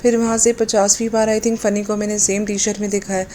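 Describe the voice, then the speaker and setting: A woman's voice: mid-range voice, flat delivery, a little fast, warm tone, a little hiss or hum. A woman talking in a sarcastic, mocking commentary vlog, slipping English phrases into her speech. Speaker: commentary vlogger.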